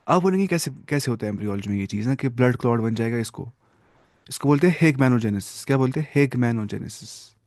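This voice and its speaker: Man, teacher, classroom lesson, mid pitch, quizzing style, dry sound. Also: animated, darkish tone, no echo. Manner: explains with questions and recaps.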